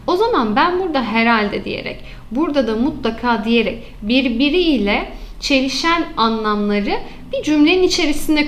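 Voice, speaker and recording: A woman teacher with a high voice walks her students through example sentences in an online lesson. She poses questions to the class and answers them herself, drawing out the key terms slowly so they stick. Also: fairly bright tone, a little hiss or hum. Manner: slows and stresses key terms.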